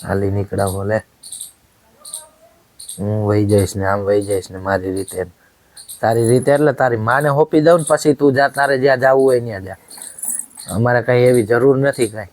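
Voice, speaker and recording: A man's voice: mid-range voice, darkish tone. Angry man scolding. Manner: scolding, accusing, repeatedly demanding agreement. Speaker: angry husband in a short family drama.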